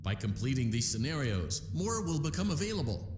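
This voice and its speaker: An actor playing an upbeat corporate announcer in a virtual reality game, smoothly glossing over danger in scripted promotional narration. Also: male voice, medium pitch, sing-song, brisk, crowd noise, lightly acted. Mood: falsely reassuring. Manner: salesman-like, smoothly reassuring. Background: game music.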